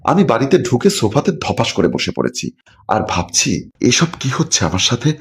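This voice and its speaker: A man's voice: medium pitch, huge pitch swings, moderate pace. Man narrating a dramatic story. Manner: emotive, voices all characters.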